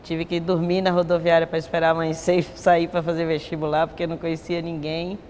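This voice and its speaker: A Bahian woman in her sixties, a capoeira master, reflects in a recorded interview and often finishes with a tag question. She speaks Bahian Portuguese in a deep, level, darkish voice at a quick pace, with a big-room sound and slight background noise.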